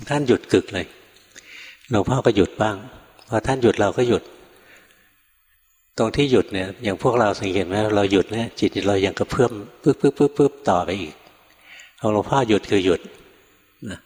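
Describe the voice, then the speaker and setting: An older male monk giving a Dharma talk, telling a story in a relaxed way, acting out quoted lines and chuckling now and then. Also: fairly low pitch, brisk, pauses often. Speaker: Buddhist monk teacher. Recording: long reverb from a hall.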